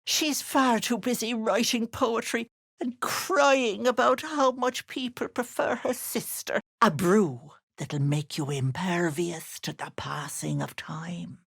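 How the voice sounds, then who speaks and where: A woman's voice: mid-range voice, no room sound, clean studio sound, heavily acted. A woman playing a sly, wicked old hag in a video game, posing as a sweet auntie, with cloying endearments laid over gloating menace. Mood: sly cajoling. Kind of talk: video game character voice acting.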